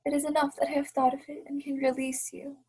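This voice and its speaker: A woman's voice: sits high, monotone, quick pace, mellow, close to an everyday voice. A young woman playing a heartbroken but resolute, dignified fiancée in a radio play, speaking earnest, formal period English. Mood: wounded, resolute. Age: young adult.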